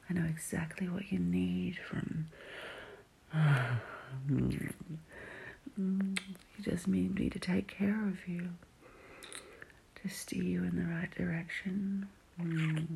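A woman performing an intimate whispered roleplay audio, teasing and murmuring softly in a low whisper. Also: creaky, slight background noise.

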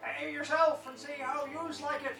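A woman's voice: high voice, steady tone, normal speed, gravelly, a bit bright, soft background music. A woman playing a cantankerous, lecherous old male prospector with folksy Western talk in a comic audio drama. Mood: grumbling, cantankerous.

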